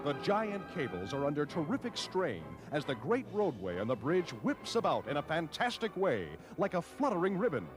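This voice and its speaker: A man's voice from an old newsreel soundtrack, narrating in a dramatic, declamatory 1940s manner. His pitch sits fairly high and swings widely. Loud music plays behind him. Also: very animated, normal speed, hardly any pauses.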